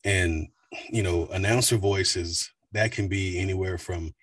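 A man in his forties from the United States, a voice actor and coach with a deep baritone, talking animatedly in an interview. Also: slightly rough, dry recording, far from the mic. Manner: animated, slips into quick voice demos. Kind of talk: casual interview talk.

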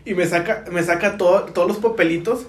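A young Mexican man with a high-pitched voice tells stories in a casual chat and acts out the people he quotes. The room around him has a noticeable echo. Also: fairly quick. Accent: Mexican Spanish. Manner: animated storyteller acting out quotes, laughing often. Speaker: podcast co-host.

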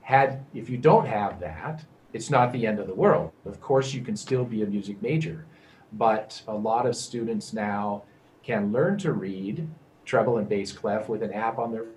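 A man who teaches percussion, explaining music degrees in a measured, explanatory way. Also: on the low side, a little mellow, a little hiss or hum, poor audio. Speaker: music professor. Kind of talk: conversational interview.

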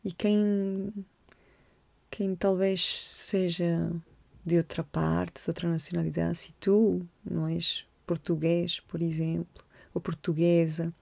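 Woman in her 40s, mellow dark tone, dry close sound, hesitant reflective monologue. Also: fairly low pitch, level tone, slow pace, creaky, dry recording. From Colombia. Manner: gentle, reflective, with frequent hesitations and repeated words. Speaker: podcast host. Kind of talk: personal storytelling monologue.

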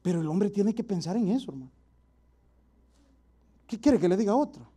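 A preacher man delivers a sermon, pressing his listeners with repeated rhetorical questions. His voice sits high for a man, yet it has a soft, mellow color. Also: animated, moderate pace, slightly rough.

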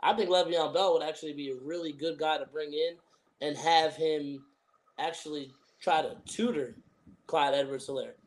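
A man's voice: a little high, fairly even intonation, normal speed. A young man hosting a sports podcast, giving opinions in emphatic, casual frat-bro slang.

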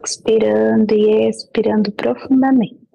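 Breathy, gravelly woman guiding a meditation. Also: fairly high pitch, steady tone, low-quality recording. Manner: gentle, unhurried instructions with long pauses. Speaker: meditation guide. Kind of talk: guided meditation.

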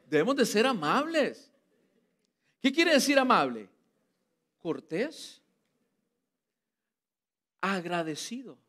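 A man with a Costa Rican accent preaching a lively sermon, playful and teasing with his congregation. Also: high voice. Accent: Costa Rican Spanish. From Costa Rica.

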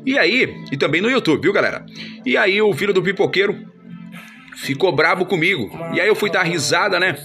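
A man hosting a casual show, slangy and full of fillers like "meu" and "mano," with sponsor shout-outs. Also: high-pitched, animated, brisk. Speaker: radio-style host. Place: studio. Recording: music playing clearly behind.

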